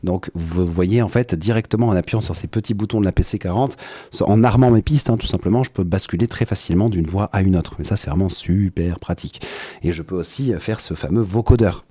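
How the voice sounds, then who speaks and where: A man with a French accent giving a relaxed, hesitant live-stream tutorial on his music setup from his home studio. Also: low voice, fairly quick, husky, no room sound. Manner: explanatory, with frequent hesitations and "hop" interjections.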